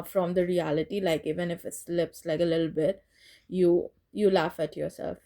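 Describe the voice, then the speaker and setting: A woman's voice: fairly low pitch, warm tone. A woman giving a casual tarot reading, rambling and correcting herself as she goes, and laughing at her own slips. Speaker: tarot reader.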